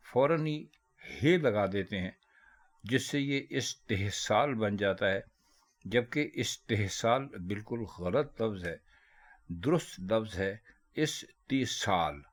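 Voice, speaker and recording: A man, his voice a little low, gives a pronunciation lesson. He explains each word slowly and carefully, showing the correct form. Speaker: Urdu language teacher.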